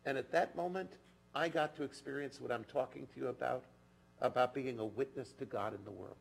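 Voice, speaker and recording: A man giving a sermon in a synagogue, telling a story slowly and earnestly, often dropping to a soft, intimate tone. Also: medium pitch, gravelly, breathy edge, poor audio. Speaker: clergy. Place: synagogue sanctuary.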